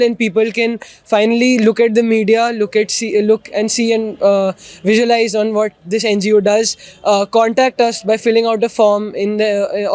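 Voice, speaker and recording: A man's voice: sits high, a little mellow, no room sound. A teenage boy with an educated Indian English accent, politely and articulately explaining his work in an interview. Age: teenager, about 15. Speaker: student volunteer being interviewed.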